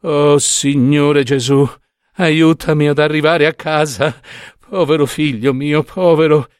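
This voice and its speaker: A man's voice: fairly low pitch, expressive, slow pace, dry recording, clean studio sound, voice pushed down. A man voicing a worn-out poor washerwoman in a storybook reading. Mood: faint.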